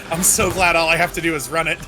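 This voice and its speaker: A man's voice: on the high side, level tone, brisk, over music, low-quality recording. An enthusiastic man chatting casually and slangily during a gameplay stream.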